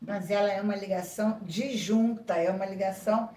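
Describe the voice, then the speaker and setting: A woman's voice: mid-range voice, fairly quick, dark tone, slight background noise. A woman psychoanalyst explaining ideas in an interview, thoughtful and full of asides. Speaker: psychoanalyst guest. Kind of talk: reflective interview talk. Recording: echoey room, voice a bit far from mic.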